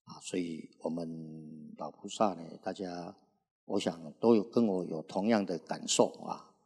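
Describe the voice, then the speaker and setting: A man in his sixties, a Buddhist monk, gives an unhurried sermon and fills his pauses with long, drawn-out "ah" sounds. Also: sits low, warm tone, breathy edge. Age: 60s. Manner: unhurried preaching, frequent drawn-out "ah" fillers. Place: Buddhist recitation hall. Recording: reverberant hall recording.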